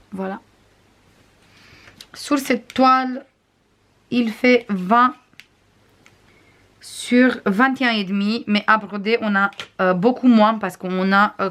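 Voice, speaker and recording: A woman with a non-native accent chats her way through a casual unboxing review, pitched in an ordinary middle register. She pauses often with little hesitations and keeps pointing things out to the camera. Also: a bit bright. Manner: chatty, frequent hesitations, shows items to camera. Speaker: crafts vlogger.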